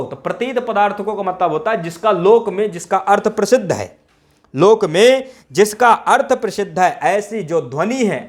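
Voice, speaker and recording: A man teaching Sanskrit grammar in an exam-prep lecture, repeating key phrases and asking rhetorical questions. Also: high-pitched.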